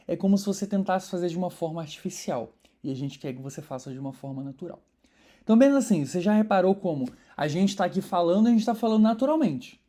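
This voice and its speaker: Woman, poetry course teacher; low, dark voice, conversational delivery. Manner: conversational, explanatory, stresses syllables while scanning verses. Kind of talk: online course lesson.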